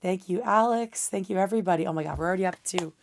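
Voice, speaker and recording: A woman's voice: fairly low pitch, fast talker, creaky. A young adult woman hosting a livestream and chatting casually in a loose, rambling way. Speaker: livestream host.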